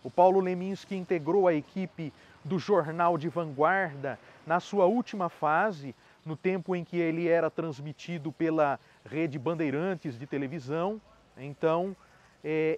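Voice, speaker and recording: A man's voice: a little high, a little slow, a little mellow. A middle-aged man, giving a spoken lesson on poetry in an explanatory manner, often adding tag questions. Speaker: channel host.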